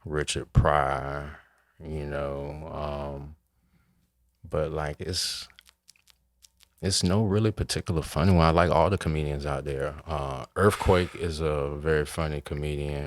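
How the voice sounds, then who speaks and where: A man's voice: very deep voice, no room sound, studio quality. A man in his forties, a comedian guest, chatting easily and telling stories, saying "man" a lot. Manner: easygoing storyteller, says "man" a lot. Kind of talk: casual chat.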